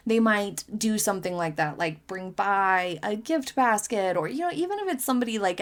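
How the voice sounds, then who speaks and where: Female vlog host, mid-range voice, chatty and opinionated, reads viewer comments and riffs casually. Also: medium pitch. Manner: chatty, opinionated, many hedges and fillers.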